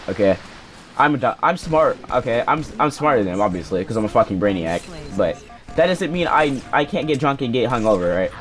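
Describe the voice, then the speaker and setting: A young man casually telling a personal story, rambling, swearing and restarting his sentences on a cheap home microphone. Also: lowish voice. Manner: rambling, profane, self-interrupting. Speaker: storyteller vlogger.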